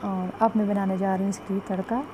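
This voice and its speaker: A woman's voice: medium pitch, flat delivery, fast, noisy background. Woman chatting through a home recipe. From Pakistan. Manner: chatty, repeats "jo hai" and "ye dekhein" while showing the pot. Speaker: cooking vlogger. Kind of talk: step-by-step cooking instructions. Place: home kitchen at the stove.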